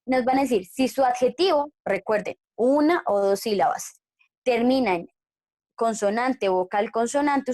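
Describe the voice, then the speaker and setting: A woman's voice: a little high, darkish tone, no room sound, studio quality. A woman teaching an online English class, patiently explaining grammar rules and checking that students follow. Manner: patient, checks understanding with frequent questions.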